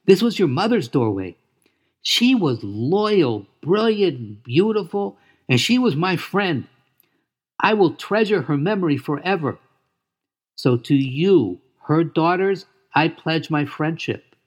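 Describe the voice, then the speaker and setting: A man voicing an earnest, excitable young male pig in a storybook reading. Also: a little high, slow pace, pitched above the performer's own voice, full character voice. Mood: earnest, tender.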